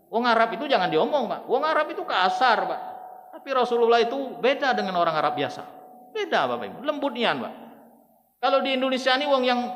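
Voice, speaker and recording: A man's voice: high voice, a bit bright. A male Islamic preacher, giving a mosque sermon full of storytelling and often addressing the congregation directly. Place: large mosque hall. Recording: long reverb of a large mosque hall.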